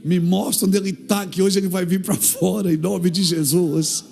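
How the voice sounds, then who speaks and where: A man with a Brazilian accent preaching a fervent sermon, acting out dialogues and building to shouts. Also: high-pitched, little pitch movement, moderate pace, creaky. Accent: Brazilian Portuguese. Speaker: pastor.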